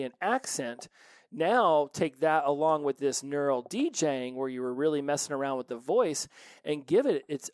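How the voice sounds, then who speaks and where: A man hosting a solo self-help podcast from his office, talking in an energetic, emphatic and playful way. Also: on the high side, no room sound. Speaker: podcast host.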